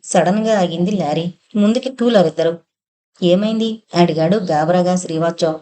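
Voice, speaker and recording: Mellow woman narrating an audio novel. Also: fairly low pitch, fairly even intonation, a little fast, slight background noise.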